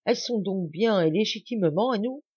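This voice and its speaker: A woman reading an audiobook, voicing an anxious, tender young daughter who pleads softly. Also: medium pitch, animated, a little fast, slightly rough, no echo, muffled recording, pitched above the performer's own voice. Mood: reasoning. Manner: pleading, soft-spoken.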